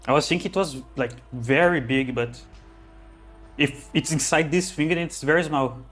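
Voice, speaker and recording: A man's voice: a little high, moderate pace, a bit bright, faint music behind. A man streaming a game, chatting casually and reading the story aloud, rambling and correcting himself, speaking into a phone held close. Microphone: phone held close to the mouth.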